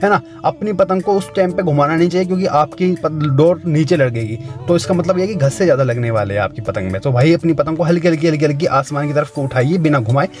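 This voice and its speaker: A young man talks quickly to his camera from an open rooftop. His voice sits a bit high, and he keeps checking in with his viewers as he goes. Clear music plays under him. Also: a little mellow. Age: young adult. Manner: chatty, keeps saying "friends" and "okay?". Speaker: kite-flying vlogger. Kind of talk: casual demo and live commentary.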